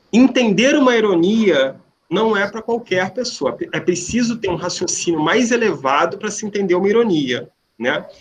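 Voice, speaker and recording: Over a rough recording, a high-voiced man teaches a language class remotely. He explains step by step, often restarting and frequently checking in with "né?" and "ok?".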